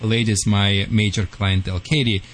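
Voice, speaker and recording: A man from Russia with a Russian accent, hosting a call-in pet advice show in excitable, joking, imperfect English. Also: fairly low pitch, moderate pace, background noise. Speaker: radio pet-advice host and dog trainer.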